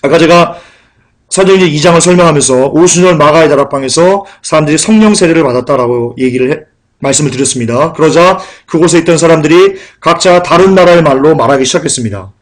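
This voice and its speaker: A man's voice: a little high, fast. A male preacher giving a sermon in an emphatic, combative way, often repeating his key points. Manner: combative, denouncing.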